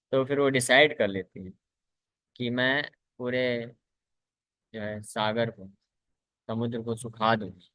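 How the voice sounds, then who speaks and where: A male spiritual teacher teaching from scripture at a slow, measured pace. His voice sits in a middle range and sounds dry and close, with no room behind it. He often repeats a point in a few different words. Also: mid-range voice, fairly bright tone, no room sound, rough recording. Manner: reads English passages very slowly, then explains in Hindi; repeats phrases while explaining. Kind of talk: scripture lecture.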